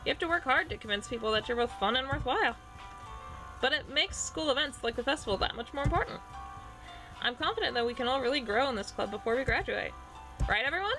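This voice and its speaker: A woman doing a bubbly valley-girl club president, high bright voice, upbeat visual novel reading. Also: big pitch swings, brisk, over music, rough recording. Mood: cheerful.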